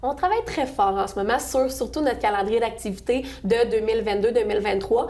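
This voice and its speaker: A woman's voice: fairly high pitch, fairly quick, a little mellow. A young woman in her twenties with a Québécois French accent, chatting as a guest in a local interview, friendly, with many fillers and restarts. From Quebec, Sorel-Tracy region. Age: 20s. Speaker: chamber of commerce events staff, guest.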